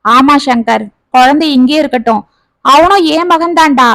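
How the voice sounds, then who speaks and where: A woman voicing a kind, generous elder brother who speaks in a gentle, reassuring way. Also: high voice, moderate pace, no echo.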